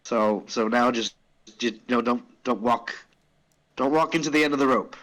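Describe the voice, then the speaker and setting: A man's voice: medium pitch, moderate pace, a bit bright, low-quality recording. A man playing a tabletop game, methodically describing what his character does.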